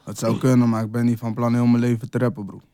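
Young male rapper guest, mellow dry voice, loose street-slang delivery. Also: medium pitch, flat delivery, fast, clear, resonant tone, dry recording. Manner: laid-back, street slang, constant "je weet toch". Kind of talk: casual interview chat.

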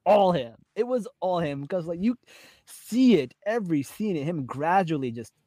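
A man's voice: high-pitched, animated, normal speed, warm tone, no room sound, studio quality. A man co-hosting a casual podcast chat, enthusiastic and slangy, laughing often. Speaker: podcast co-host.

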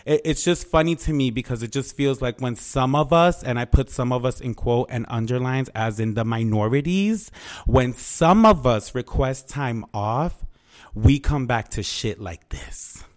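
A man hosts a casual talk show in a mid-pitched voice. He rants in slangy, heavily profane language, sassy and animated, slipping into quoted exchanges as he tells his stories. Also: a little slow. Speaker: podcast host. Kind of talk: casual ranting monologue to listeners.

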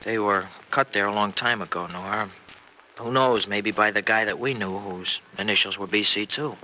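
An actor playing Freddie, a playful young husband, in 1940s radio drama style. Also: male voice, on the low side, normal speed, pushed and bright, a little hiss or hum, poor audio. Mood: hushed. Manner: boyish, teasing.

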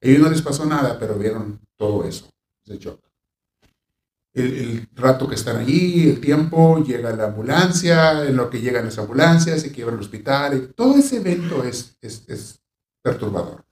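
Male counselor, reflective advice talk, expressive pitch, echoey room, set back from the mic. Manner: animated, acts out panicked reactions in quick bursts; gentle, reassuring when voicing comfort. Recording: roomy sound, voice from a distance.

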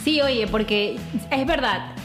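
A woman's voice: a little high, expressive, slow, over music. A woman from Peru hosting an interview, chatting and agreeing readily with her guest. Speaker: podcast host. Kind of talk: casual interview chat.

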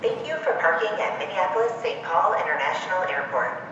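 A woman's voice: lowish voice, lively intonation, brisk, a little hiss or hum. A woman reading a formal recorded message that plays over an airport public address speaker in a parking garage. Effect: played over an airport public address speaker. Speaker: emergency communications supervisor. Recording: distant, muffled loudspeaker in a very echoey garage.

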